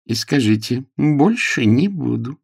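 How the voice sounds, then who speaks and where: A man reading aloud, voicing a stern elderly nanny who scolds slowly and firmly. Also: mid-range voice, sing-song, creaky, husky, pitched above the performer's own voice, full character voice. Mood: scolding. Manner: strict, scolding, drawn out. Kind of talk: audiobook character voice.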